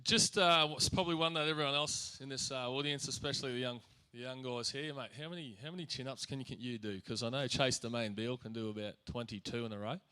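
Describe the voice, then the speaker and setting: A man's voice: medium pitch, quick pace, hardly any pauses, pushed and bright, clear, resonant tone. Chummy Australian man hosting awards. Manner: chummy, keeps saying "mate". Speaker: master of ceremonies. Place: school hall on stage.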